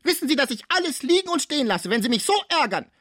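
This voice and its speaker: A man's voice: mid-range voice, big pitch swings, a little fast, breathy edge, no echo, clean studio sound. A man voicing a scheming middle-aged concierge woman who nurses the sick, overwrought and indignant as she protests her honesty.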